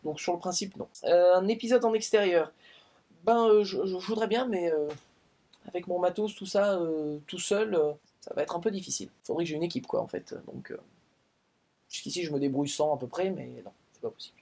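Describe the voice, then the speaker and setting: A man's voice: sits high, brisk, dark tone. A man hosting his own review show, talking casually to his viewers and hesitating often on "euh". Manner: chatty, filler-heavy, with frequent "euh" hesitations. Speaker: film and series critic, show host. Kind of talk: casual talk to the camera.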